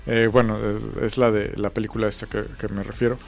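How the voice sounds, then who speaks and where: A man's voice: fairly low pitch, flat delivery, a little fast, vocal fry, soft background music. A man, talking in a rambling, hesitant way, full of fillers, as co-host of a casual chat about film awards. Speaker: podcast co-host.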